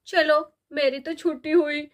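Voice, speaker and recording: A woman's voice: high voice, fairly even intonation, measured pace. A woman voicing a jolly, doting elderly grandfather in a doll story, cheerful and mock-weary. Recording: dull lo-fi sound.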